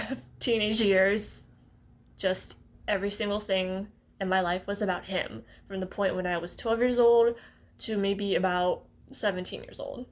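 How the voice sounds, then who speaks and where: Young woman, twenties, rambling, hesitant, casual vlog talk. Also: medium pitch. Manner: rambling, hesitant, laughs often. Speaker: vlogger.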